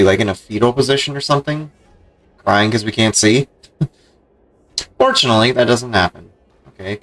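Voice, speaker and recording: A man's voice: medium pitch, fairly bright tone, rough recording. Male game streamer: casual commentary plus read-aloud narration, middle-register voice.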